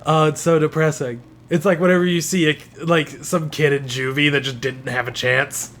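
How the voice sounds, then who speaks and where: A man's voice: a little high, flat delivery, moderate pace, a bit bright. A man co-hosting a casual gaming podcast, thinking aloud with lots of fillers and frequent laughter. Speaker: podcast co-host.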